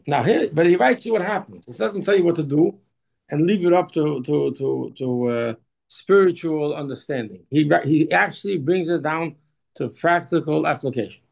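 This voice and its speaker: A man teaching a religious text class. He often repeats and restarts his words, and he reads passages slowly before translating them. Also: fairly high pitch, vocal fry, low-quality recording.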